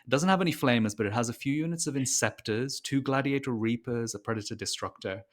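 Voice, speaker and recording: A man co-hosting a gaming podcast, speaking in a relaxed, hesitant way with frequent "uh" and "um". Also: medium pitch, fast. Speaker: podcast co-host. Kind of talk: casual gaming chat.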